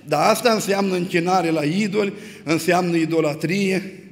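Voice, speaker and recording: A man preaching a sermon, retelling scripture stories with lively, rising emphasis. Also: high-pitched. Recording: long hall reverb.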